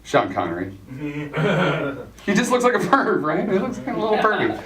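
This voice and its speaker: A man's voice: a little high, big pitch swings, normal speed. A man doing a loose stand-up set, rambling and laughing at his own jokes. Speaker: stand-up comedian. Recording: echoey bar room from far off with crowd.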